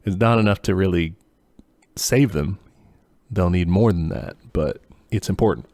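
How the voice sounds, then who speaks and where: A tired man with a very low voice co-hosts a casual podcast chat. He muses along easily and laughs often. He is recorded close and dry, with no room sound. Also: moderate pace, no echo. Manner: laughs often, relaxed and musing. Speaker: podcast co-host.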